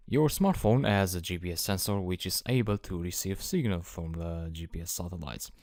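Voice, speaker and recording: Low-voiced man with an Eastern European accent. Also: darkish tone, no room sound, clean studio sound. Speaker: instructor. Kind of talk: explanatory lecture narration.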